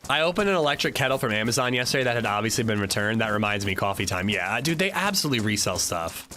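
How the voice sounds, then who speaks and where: Streamer type: guy, bright, expressive delivery, light hiss behind. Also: lowish voice, fast talker. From Pennsylvania, US. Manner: animated, profane, reacting to chat. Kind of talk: casual gaming livestream chat.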